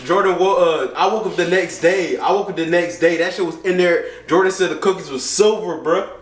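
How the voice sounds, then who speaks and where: A man's voice: sits high, brisk. A young man chatting casually with friends, swearing and using heavy slang, often laughing and repeating himself. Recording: echoey room with noise and clicks.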